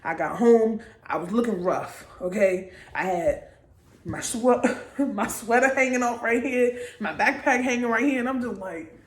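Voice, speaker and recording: A woman's voice: a little high, a little slow. Young woman telling a story, roomy sound. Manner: conversational, frequent "okay?" and "like" asides to viewers. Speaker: vlogger. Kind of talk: casual personal storytelling to camera. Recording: roomy echo.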